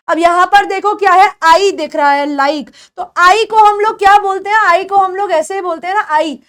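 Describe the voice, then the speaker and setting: A woman's voice: extremely high pitch, a bit bright. A young Indian woman teaching beginners English pronunciation, a Hindi speaker who says example words over and over and checks that students follow. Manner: patient, repeats example words slowly and checks understanding.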